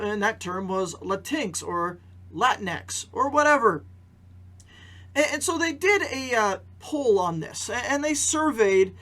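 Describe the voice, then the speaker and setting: A Canadian podcast host with a very high, sharp-toned voice gives conversational news commentary. He poses rhetorical questions and repeats phrases for emphasis.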